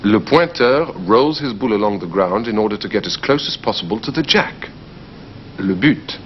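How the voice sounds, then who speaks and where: A male presenter giving a measured, scripted documentary narration. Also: on the low side, animated, a little hiss or hum. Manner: measured explanatory delivery. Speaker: programme presenter. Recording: muffled old broadcast recording.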